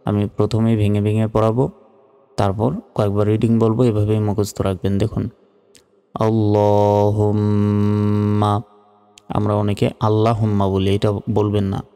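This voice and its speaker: Male teacher, low and even, unhurried lesson delivery, long reverb. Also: gravelly. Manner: slow, drawn-out Arabic recitation between Bengali explanations. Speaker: religious teacher. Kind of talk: recitation lesson. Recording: reverberant with faint music. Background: faint music.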